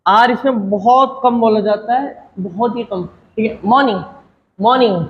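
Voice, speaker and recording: High-voiced teacher drilling pronunciation slowly. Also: male voice, phone-quality sound, slight background noise. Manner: repeats each word many times, correcting mispronunciations. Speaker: English teacher. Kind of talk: pronunciation lesson.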